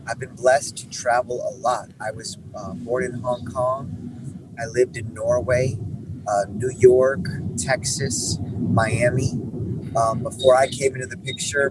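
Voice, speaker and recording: Young guy rambling through his faith story, lots of restarts, noise in the background. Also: medium pitch. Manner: relaxed, rambling with many restarts. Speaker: guest musician. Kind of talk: conversational faith testimony.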